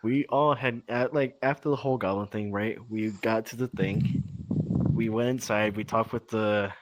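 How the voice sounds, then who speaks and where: A man's voice: fairly low pitch, fairly even intonation, normal speed, slight background noise, poor audio. Rambling, swearing man telling stories. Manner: rambling, fillers like "right?", swears. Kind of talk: casual storytelling.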